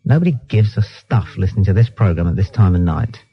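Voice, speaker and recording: Low-pitched, husky and animated, this British phone-in host talks at a quick pace on late-night radio, dismissing callers bluntly and repeating his points insistently. The radio recording is dull and lo-fi.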